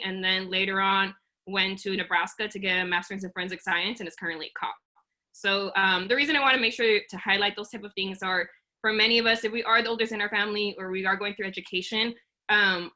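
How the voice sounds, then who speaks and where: Presenting a career webinar over a video call, an earnest Oakland, California woman in her thirties speaks in a sharp, mid-range voice. Her delivery is full of um's, fillers, and restarts.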